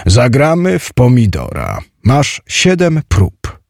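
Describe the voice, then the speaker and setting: A man voicing a gloomy, sorrowful giant who guards a treasure, speaking in a slow, mournful, drawn-out way in an audiobook. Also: medium pitch, huge pitch swings, creaky, a little mellow, no echo, clean studio sound, voice pushed up, heavily acted. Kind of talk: audiobook character voice.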